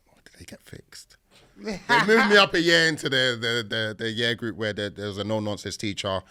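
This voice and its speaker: A man's voice: low voice, fairly bright tone. A man with a south London accent telling his own story casually as a podcast guest, in a conversational, matter-of-fact way. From south London, England.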